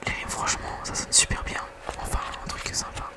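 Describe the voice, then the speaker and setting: Hushed whispered ASMR poetry reader. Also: brisk. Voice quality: soft unvoiced whisper, quiet as at night. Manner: hushed bedtime reading with casual whispered asides.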